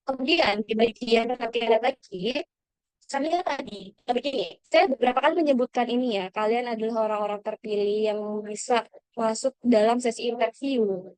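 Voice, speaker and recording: A woman's voice: fairly high pitch, moderate pace, darkish tone, dry recording. A woman mentoring scholarship applicants in an online lesson, speaking encouragingly to the audience with frequent fillers and self-corrections.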